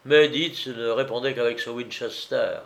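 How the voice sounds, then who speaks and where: A man's voice: medium pitch, normal speed, creaky, a bit bright. A man narrating an adventure novel aloud in a dramatic storytelling manner. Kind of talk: dramatic audiobook reading.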